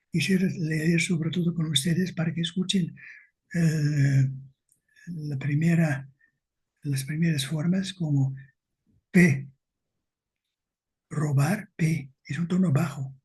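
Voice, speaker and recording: A man giving an academic lecture with slides, speaking slowly and deliberately and checking in with his listeners. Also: fairly high pitch, darkish tone, husky.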